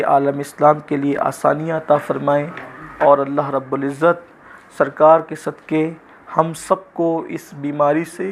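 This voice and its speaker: A man giving a religious lecture in a measured, reverent storytelling manner, full of honorifics. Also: medium pitch, vocal fry, a little hiss or hum. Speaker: religious speaker.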